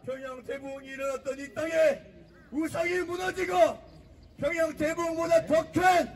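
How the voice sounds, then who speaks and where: A man roars a rallying speech at a very high pitch, hurling emphatic slogans. He is some way from the microphone, and a crowd is audible behind him. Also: steady tone, normal speed, distant mic, slight background noise. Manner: shouted, emphatic declarations. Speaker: rally speaker, theology student.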